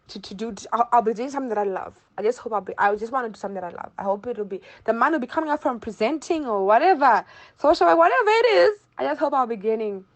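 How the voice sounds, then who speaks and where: A bubbly young woman from Zimbabwe talks casually as an interview guest. She laughs often and circles back over her words. Her pitch sits in a middle range for a woman. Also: lo-fi sound. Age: 20s.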